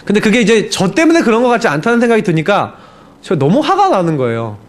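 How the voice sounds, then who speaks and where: Animated Korean man preaching. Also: high voice, quick pace. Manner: animated storytelling preacher, shifts between loud outbursts and hushed prayer. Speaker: pastor. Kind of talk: sermon. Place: church sanctuary.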